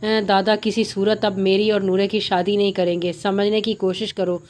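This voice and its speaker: A woman reading the lines of a proud young husband who pleads and commands, in a flat, even voice. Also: mid-range voice, moderate pace, natural voice. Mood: desperate. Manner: commanding, desperate. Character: proud young husband, angry then helpless.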